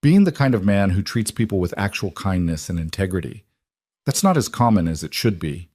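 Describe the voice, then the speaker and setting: A man's voice: low-pitched, animated, a little fast, dry recording, clean studio sound. A man voicing a woman overwhelmed with happy tears, speaking earnestly in a storybook reading. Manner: softly tearful, earnest. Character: emotional woman, newly engaged fiancée.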